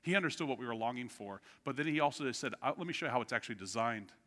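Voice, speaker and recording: Man, middle-aged, pastor, sermon, animated storytelling, loud to hushed, long hall reverb. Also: mid-range voice, racing.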